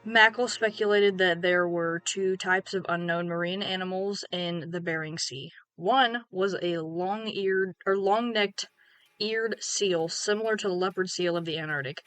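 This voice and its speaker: A woman's voice: lowish voice, moderate pace, a bit bright, clear, resonant tone. A young woman hosting a video, reading from an article in a casual way, with ums and restarts. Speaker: YouTube host. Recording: faint background music.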